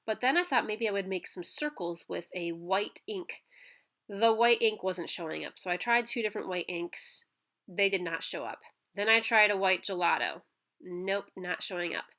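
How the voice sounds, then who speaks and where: Recording a crafting voice-over on her home mic, a scrapbooking host with a cold speaks in a mid-range voice that's pushed and bright. Her nose is stuffed up, and her casual chatter is peppered with ums and restarts.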